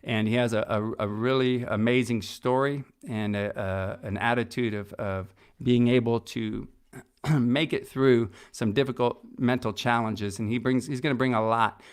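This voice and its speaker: A man's voice: mid-range voice, steady tone, normal speed, smooth. A middle-aged man hosting a podcast, talking casually and with enthusiasm about an upcoming conference and its sponsors, with many fillers and restarts. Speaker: podcast host and conference organizer. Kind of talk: casual promotional podcast talk.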